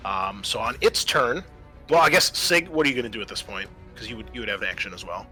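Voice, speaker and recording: A man on the low side speaks at a quick pace with a bright, forceful tone while game-mastering a tabletop roleplaying game, narrating and explaining rules. Music plays underneath, and the recording quality is poor.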